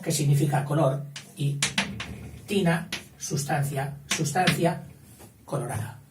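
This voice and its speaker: This school lesson comes from a man whose voice is on the high side and darkish. He wanders into tangents, fixes his own slips, and keeps asking "eh?" to check on the class. The recording sounds roomy and far from the mic, with faint background noise.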